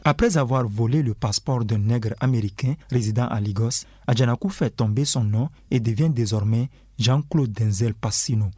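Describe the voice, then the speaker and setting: A man presenting a literary radio programme, reading a scripted introduction and summary in a measured, formal announcer style. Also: mid-range voice, dark tone, breathy edge, no echo.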